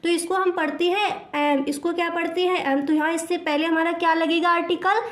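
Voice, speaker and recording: A woman's voice: very high voice, steady tone, fairly quick, roomy sound. A woman explaining grammar to students, patiently asking questions and answering them herself. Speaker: English grammar teacher. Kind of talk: classroom explanation.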